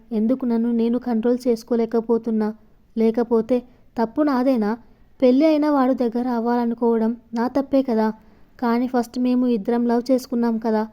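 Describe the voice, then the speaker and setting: A woman's voice: a little high, lo-fi sound, close to an everyday voice. A woman voicing a young woman in love who questions herself and speaks with affection.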